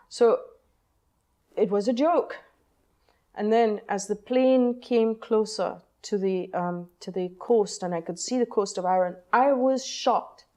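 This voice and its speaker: A woman in her sixties from Trinidad, a novelist recounting personal stories in an interview, pausing often with ums and uhs. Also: mid-range voice, dark tone. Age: 60s. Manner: hesitant, many ums and uhs, thoughtful. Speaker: novelist, guest. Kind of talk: reflective personal storytelling in interview.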